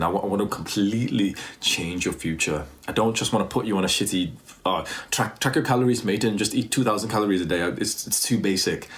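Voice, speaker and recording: A male fitness YouTuber and diet coach delivers a casual vlog monologue in a low voice, his throat strained and tired from talking. He comes across as earnest but pushy, repeating himself in a salesy pitch.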